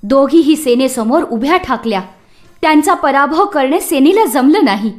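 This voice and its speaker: Reading a children's myth from a script, a woman tells the story in a high, very animated voice with expressive, dramatic delivery. She keeps a moderate pace over soft background music.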